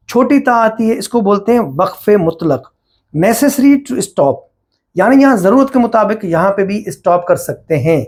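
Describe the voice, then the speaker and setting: A Pakistani Quran teacher with a Pakistani accent gives a patient whiteboard lesson, slipping English terms into his explanations. His voice sits high and is a little mellow.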